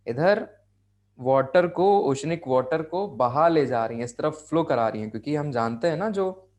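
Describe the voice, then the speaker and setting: A man's voice: fairly high pitch, lively intonation, normal speed, a little mellow. A man with an Indian accent leads a geography class over a video call. He talks in a patient, repetitive way, restating each term and stopping to ask whether everyone has understood. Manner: explains step by step, repeats key phrases, checks understanding. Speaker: geography tutor. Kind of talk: online class lecture.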